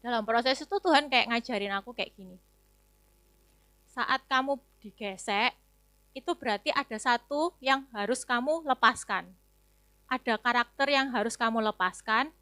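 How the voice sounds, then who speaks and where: A woman's voice: a little high, a bit bright, no echo, studio quality. A young adult woman giving a chatty, conversational sermon testimony at a youth service, full of casual fillers. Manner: chatty, casual, many fillers and tag words.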